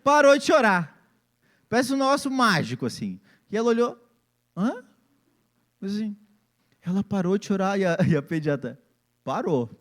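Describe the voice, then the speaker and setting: A man, his voice riding high and moving constantly. He acts out family scenes in shifting voices between points of his sermon. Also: very animated, brisk, a bit bright. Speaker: pastor.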